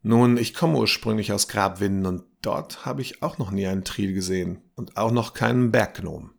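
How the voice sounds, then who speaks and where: A man voicing a plain-spoken young woman from a village, raising calm, matter-of-fact objections. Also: lowish voice, normal speed, vocal fry.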